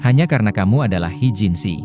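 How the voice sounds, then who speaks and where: A man's voice: fairly low pitch, lively intonation, fast talker, music in the background, lightly acted. A man voicing a stern, cold young man. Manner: cold, firm, lecturing. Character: stern young man confronting his partner's sister. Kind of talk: Indonesian dub of a TV drama.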